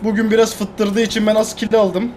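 A woman gaming YouTuber chatting casually during gameplay, often shouting in exasperation. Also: medium pitch, flat delivery, brisk, faint music behind.

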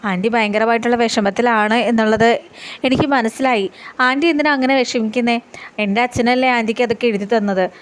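A woman's voice: on the high side, a little fast, clear, resonant tone, lightly acted. A woman voicing a sweet, trusting young woman who reassures her aunt. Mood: reassuring.

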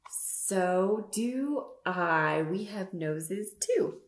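A young woman hosting storytime reads picture books to toddlers from a small room at home, asking simple questions with exaggerated emphasis. She speaks very slowly and expressively at a medium pitch. The webcam sound is roomy.

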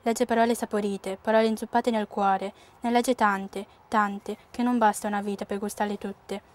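A teenage schoolgirl reading a story passage aloud in a measured way for a school news report. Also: mid-range voice, flat delivery. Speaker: student reader.

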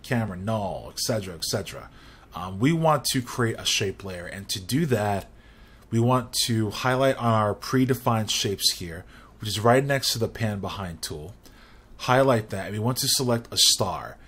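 A young man hosting a screen-recorded software tutorial, talking casually and rambling, often restarting his phrases. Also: lowish voice.

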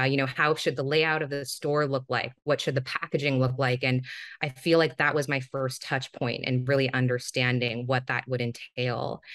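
A woman in her thirties from Singapore, a podcast guest calmly telling her life story over a video call. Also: very deep voice, dry recording, clean studio sound. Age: 30s. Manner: calm, reflective storytelling. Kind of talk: remote interview.

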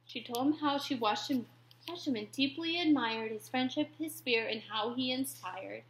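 A woman reading a rhyming children's story aloud, expressive and dropping to whispers at tense moments. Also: fairly high pitch, normal speed, a little hiss or hum. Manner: expressive, drops to whispers for suspense.

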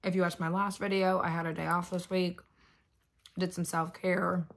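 A woman vlogging at home in a casual, rambling way, hoarse and coughing from bronchitis. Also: lowish voice, level tone, moderate pace. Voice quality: husky, lost voice. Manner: chatty, rambling with fillers. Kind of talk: casual vlog chat.

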